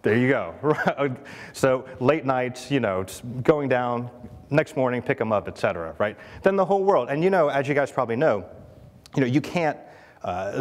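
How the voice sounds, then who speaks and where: A man speaking at a conference, chatty and full of fillers, often checking in with the audience. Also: on the low side. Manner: chatty, asks the audience questions, many fillers. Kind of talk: conference keynote talk. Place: large conference hall. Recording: long hall reverb.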